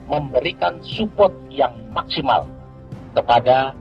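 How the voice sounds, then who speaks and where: A man's voice: medium pitch, lively intonation, a little slow, lo-fi sound, faint music behind. A man, a government official, giving a formal statement with bureaucratic phrasing.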